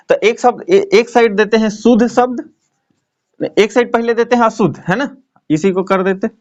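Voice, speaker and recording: A man with a very high-pitched voice leads a grammar lesson at a board, explaining chattily and pausing often to check on his students. The recording's highs are cut off.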